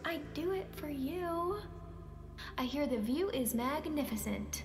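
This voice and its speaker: In a roomy recording with music behind her and a little hiss or hum, a woman with a high, expressive, exaggerated voice takes her time. She plays Sonia, a caring, persistent woman nudging a withdrawn man, coaxing and probing in naturalistic stage-play dialogue and sometimes turning hesitant.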